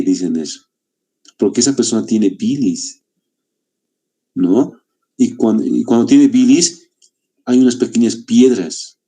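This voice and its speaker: A Bolivian man teaches a literature lesson to exam applicants in a medium-pitched, dark-toned voice. He explains step by step, deliberately stretching key words slowly and using rhetorical questions and many tag questions.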